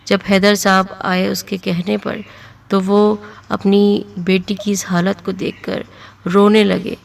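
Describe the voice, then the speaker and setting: A woman storyteller narrating an emotional story in a steady, dramatic manner. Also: medium pitch, vocal fry, recorded from a distance, a little hiss or hum.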